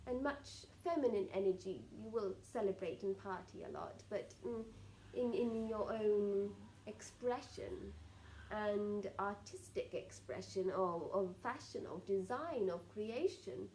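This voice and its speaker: A woman speaking as a seance medium in trance, giving solemn spiritual guidance in halting, repetitive, formally archaic phrases. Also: medium pitch, dark tone, a little hiss or hum, low-quality recording. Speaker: trance channeller answering questions as a spirit collective.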